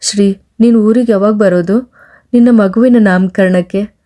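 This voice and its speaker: A man's voice: sits high, fairly even intonation, moderate pace, dark tone, lightly acted. A woman voicing a bitter young man who teases and taunts his former love on a phone call, in a sarcastic way. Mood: teasing. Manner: teasing, sarcastic.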